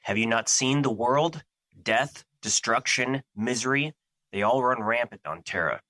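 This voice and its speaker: Audio drama: male actor as an ancient embodiment of fear, grandiose and troubled, forceful edge, dry recording. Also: medium pitch, a little slow, no echo. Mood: distressed, indignant. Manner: formal, grandiose, theatrical.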